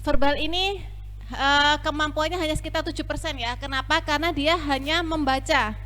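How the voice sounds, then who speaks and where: Casual upbeat woman trainer, high bright voice, coaxing a class. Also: steady tone, moderate pace. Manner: upbeat, coaxes the group to repeat aloud. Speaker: front office trainer. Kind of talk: lively training session.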